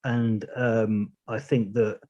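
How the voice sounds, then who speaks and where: On a casual podcast interview, a charity project manager in his thirties, English with a southern accent, talks at length in a candid, plain-spoken, rambling way. His fairly low voice is slow, flat and a little mellow, and the recording is muffled and lo-fi.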